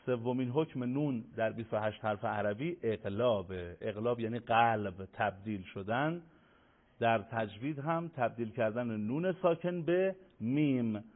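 Recitation teacher, male, stretches and chants sample words, thin phone-like sound. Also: mid-range voice. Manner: drawn-out sung demonstrations of example words. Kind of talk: explaining recitation rules on a broadcast. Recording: narrow phone-like broadcast audio.

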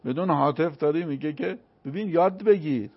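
A man giving a religious lecture as a guest, speaking in a preacherly way that rises into emphatic declamation. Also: on the high side. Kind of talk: religious talk on a show. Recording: dull lo-fi sound.

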